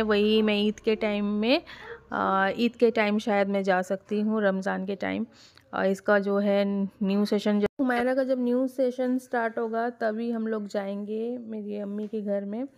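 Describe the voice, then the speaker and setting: A woman giving a casual voice-over for her family vlog, chatty and rambling, with frequent fillers and restarts. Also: mid-range voice. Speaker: family vlogger.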